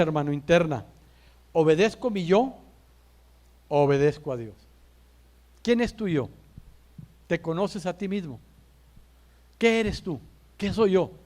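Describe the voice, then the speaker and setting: A man, a pastor, preaching a sermon in church, building his points with rhetorical questions, emphatic pauses and repeated calls of "brother". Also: high-pitched. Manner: addresses listeners as brother.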